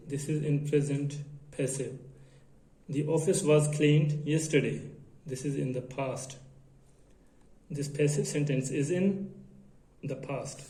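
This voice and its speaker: A man teaching an English grammar lesson in a halting way, often repeating phrases and reading out example sentences. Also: mid-range voice, mellow. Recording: echoey room.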